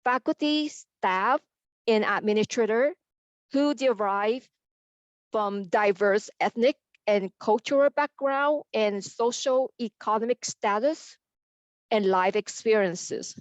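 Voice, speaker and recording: A woman, a panelist carefully reading her personal story with halting pauses. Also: a little high, dry recording, muffled recording. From Vietnam. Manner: slow, careful, halting delivery.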